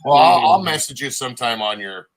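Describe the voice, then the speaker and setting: A man's voice: mid-range voice, lively intonation, brisk, vocal fry, a crowd in the background. A man chatting informally as a guest on a livestream. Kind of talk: casual livestream chat.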